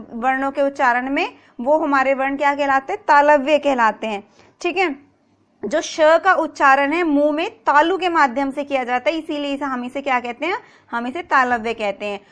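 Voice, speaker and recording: A woman's voice: high voice, a bit bright. A woman teaching a grammar lesson, patiently repeating example words and asking rhetorical questions. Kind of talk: explanatory video lesson.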